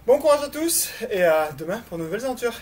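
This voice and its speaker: This fitness instructor speaks quickly in a fairly high, darkish voice whose pitch swings widely. Chatty and upbeat, she counts reps aloud while exerting herself, dropping little filler sounds as she thinks aloud to encourage the class.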